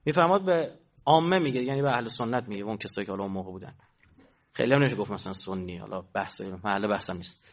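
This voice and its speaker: A male preacher telling religious stories in a sermon, emphatic, swinging between hushed and raised delivery. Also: lowish voice, muffled recording.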